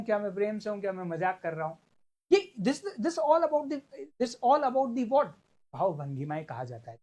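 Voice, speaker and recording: A man teaching an online law class, animated, acting out small dialogues and stretching key words for emphasis. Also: high-pitched. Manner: animated, acts out little dialogues. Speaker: law lecturer for exam prep.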